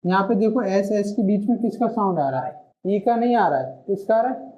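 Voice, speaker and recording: A male shorthand teacher with a high-pitched, dark-toned voice moves briskly through an online classroom lesson. He still explains patiently, often stopping to ask and then answer his own questions, all captured in a muffled lo-fi recording.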